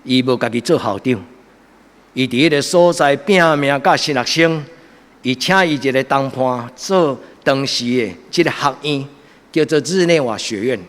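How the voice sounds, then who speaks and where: A man's voice: medium pitch, moderate pace. A man from Taiwan preaching a church sermon with a Taiwanese Hokkien accent, earnest and exhorting in his delivery. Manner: earnest, exhorting, swelling into loud emphatic passages. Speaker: pastor preaching a Sunday sermon. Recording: echoey hall with long reverb.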